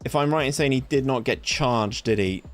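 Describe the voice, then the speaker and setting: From a sweltering summer home room with a fan running, a young West Country English streamer gives casual live-stream commentary, chatting and responding to his chat as he plays. He speaks mid-range at a moderate pace over soft background music.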